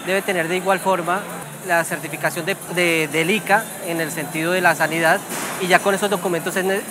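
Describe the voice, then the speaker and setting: A man's voice: sits high, fairly even intonation, brisk. A man with a Colombian accent explaining things in an interview as a cattle auction representative. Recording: loud music and crowd noise behind. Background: loud music, crowd.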